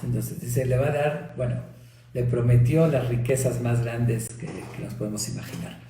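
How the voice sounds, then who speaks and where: Man, rabbi, storytelling lesson, mellow, echoey room. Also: medium pitch, fairly even intonation, moderate pace. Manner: storytelling, with restarts. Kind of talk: teaching by parable.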